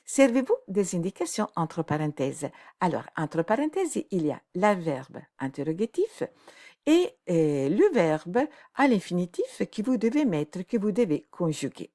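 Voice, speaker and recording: A woman's voice: on the low side, very animated, measured pace, mellow. A woman teaching a grammar lesson, explaining patiently step by step with examples. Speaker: French teacher. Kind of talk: slow, clearly articulated grammar lesson.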